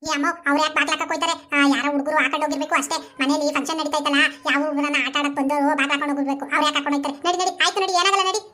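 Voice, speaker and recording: A woman voicing a young wife in an animated comedy who talks quickly and anxiously and scolds her husband. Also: high-pitched. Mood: flustered. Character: young wife torn between husband and mother.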